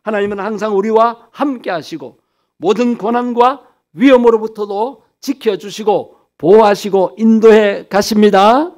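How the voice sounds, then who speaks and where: A man's voice: high-pitched, darkish tone. A man pastor preaching a sermon, asking the congregation questions and answering them himself, stretching key phrases for emphasis.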